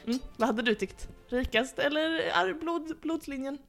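Playful higher-pitched woman storyteller. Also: soft background music. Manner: playful, acts out quoted figures, laughs often. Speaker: podcast host telling history. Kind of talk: casual storytelling chat.

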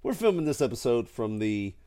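A man's voice: medium pitch, sing-song, fairly quick, mellow, clear, resonant tone. A middle-aged man who is sick with a cold, chatting casually and jokingly as a podcast co-host. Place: at home in a house.

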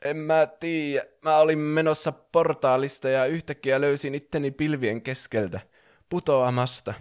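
A man's voice: on the high side, fairly even intonation, clear, resonant tone, pitched above the performer's own voice, close to an everyday voice. A man voicing a young male dragon, polite and bewildered after falling from the sky. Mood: confused. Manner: grateful, bewildered.

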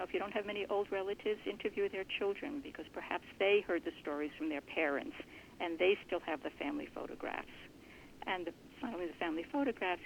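Gravelly woman explaining earnestly. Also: lowish voice, a little hiss or hum. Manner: earnest, thoughtful explaining with small restarts. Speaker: genealogist guest. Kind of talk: conversational interview answers. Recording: muffled lo-fi recording.

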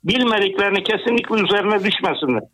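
A man in his fifties calling in, heard over a telephone line, talking earnestly and plainly, sometimes halting. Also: high voice, animated, pushed and bright. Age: 50s. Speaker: caller. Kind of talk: casual phone call to a radio show.

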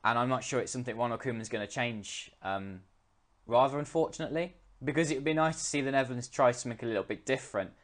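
A man's voice: medium pitch, fast. A man hosting a podcast, reading listener questions aloud and chatting conversationally with hesitant fillers. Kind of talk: casual podcast discussion.

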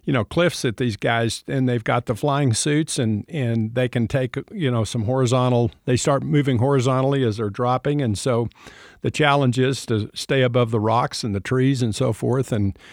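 A male host in a reflective faith conversation answers his guest with warm, ready affirmations. He drifts into long, winding stories and keeps a mid-range voice. The sound is close and dry. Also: medium pitch, moderate pace, no room sound. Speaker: podcast host.

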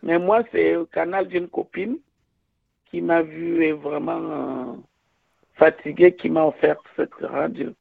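A woman calling in to a radio show over a phone line, speaking haltingly with many restarts. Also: low voice, fairly even intonation, vocal fry, no room sound. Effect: caller heard over a phone line. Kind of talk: call-in testimony.

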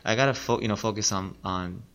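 A man's voice: lowish voice, steady tone, brisk, a bit bright. A man in his late thirties, a podcast guest, talking casually and earnestly, often repeating himself. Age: 30s. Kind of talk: casual interview talk.

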